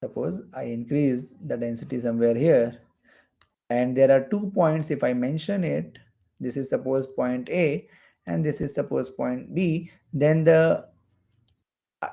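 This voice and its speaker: This physics teacher from India, preparing students for exams, speaks at a moderate pace in a mellow, medium-pitched voice with some vocal fry. His explanatory lecture is accompanied by diagram drawing and phrases repeated for emphasis.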